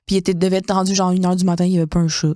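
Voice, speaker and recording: A young woman with a Québécois French accent, co-hosting a podcast and retelling a story in a loose, rapid way full of fillers. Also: lowish voice, flat delivery, dark tone, dry recording, studio quality. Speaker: podcast co-host. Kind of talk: casual storytelling.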